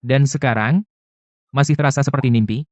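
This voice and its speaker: A man's voice: mid-range voice, fairly quick, no room sound, close to an everyday voice. Man playing a devoted young CEO. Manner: earnest, pleading. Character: devoted young male CEO, desperate for his love. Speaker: company heir. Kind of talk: dubbed TV drama.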